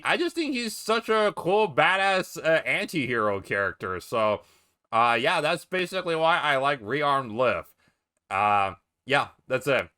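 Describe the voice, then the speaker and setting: A man's voice: mid-range voice, bright, forceful tone. A man giving casual, unscripted fan commentary in a rambling, conversational way. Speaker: guest contributor.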